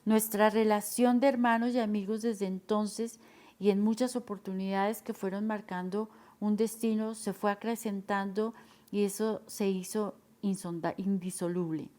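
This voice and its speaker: A woman's voice: mid-range voice, steady tone, normal speed, mellow. A woman reading a literary memoir aloud as an audiobook narrator.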